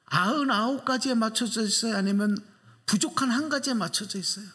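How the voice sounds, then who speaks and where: With a sharp tone and a slightly fast delivery, a pastor preaches emphatically to his church. He leans on rhetorical questions to press the congregation and swings his pitch widely for effect.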